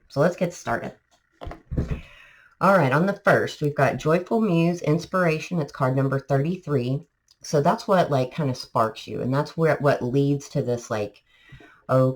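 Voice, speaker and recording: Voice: mid-range voice, rough recording. A tarot reader with a congested voice from allergies, talking viewers through a casual reading in a chatty, rambling way full of fillers.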